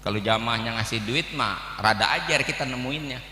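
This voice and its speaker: A man with a Jakarta Betawi accent delivering a humorous, blunt sermon, moving from calm teaching to loud outbursts. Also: medium pitch, a little fast, reverberant, big-room sound, a little hiss or hum. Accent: Jakarta Betawi Indonesian. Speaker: preacher. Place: large hall at a memorial gathering.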